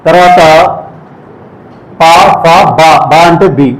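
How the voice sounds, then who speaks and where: A man teaching English speech sounds, often quizzing listeners and slowly repeating each sound. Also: fairly high pitch, flat delivery. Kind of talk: spoken English phonetics lesson. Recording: echoey room.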